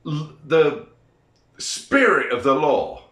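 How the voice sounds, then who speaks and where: Grumpy, slow-talking British man ranting. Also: fairly high pitch, very animated, a bit bright. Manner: grumpy old man grumbling, blunt and sweary. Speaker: vlogger giving opinions. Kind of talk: opinionated monologue rant. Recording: echoey room.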